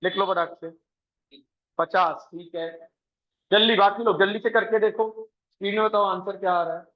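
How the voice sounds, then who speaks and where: A man teaching a coaching class, briskly quizzing his students and mixing English math terms into his talk. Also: high voice, steady tone, lo-fi sound. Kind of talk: classroom lesson.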